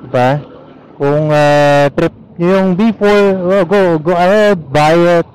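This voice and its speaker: His voice is fairly high yet darkish and clean, and he speaks slowly. This Filipino-accented motorcyclist vlogs from inside his helmet, rambling easily in Taglish as he rides. The low-quality sound, from a helmet intercom or action camera mic, carries engine and road noise.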